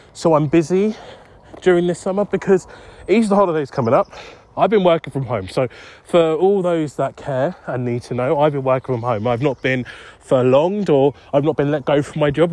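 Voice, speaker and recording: A man's voice: on the high side, expressive, normal speed, darkish tone, dry recording. Young man, casual podcast host recorded outdoors on a walk, meandering and self-mocking. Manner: rambling, self-deprecating, easily distracted. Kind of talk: casual solo podcast monologue while walking. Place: outdoors on a street.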